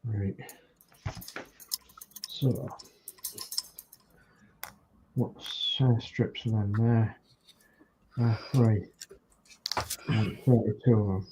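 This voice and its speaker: A man's voice: on the low side, steady tone, very slow, long pauses. A man with a Hull accent giving casual hands-on workbench commentary, often muttering to himself as he works. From England, Hull. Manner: muttering to himself while working. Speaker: hobby model-making demonstrator. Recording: dull, noisy room recording.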